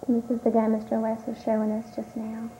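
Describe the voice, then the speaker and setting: A woman's voice: on the high side, completely flat delivery, brisk, warm tone. A woman interviewing and informally explaining what is being shown. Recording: dull lo-fi sound, faint noise.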